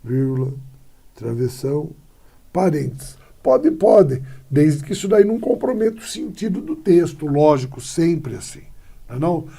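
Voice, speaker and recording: Gravelly, husky male teacher. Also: fairly high pitch, sing-song, moderate pace, dark tone. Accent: Brazilian Portuguese. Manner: explanatory, checks in with "tá?" and "ó". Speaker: Portuguese grammar teacher. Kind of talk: classroom lesson on punctuation.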